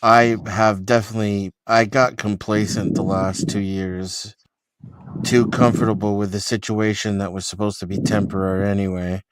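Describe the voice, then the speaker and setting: A man's voice: lowish voice, little pitch movement, normal speed, clear, resonant tone, rough recording. A man chatting casually in a group voice chat, hesitant and wry in manner.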